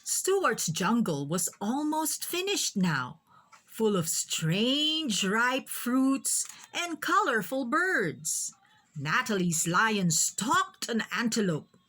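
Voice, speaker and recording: In a high voice, a woman reads a kids' picture book out loud, her storytelling manner expressive and unhurried.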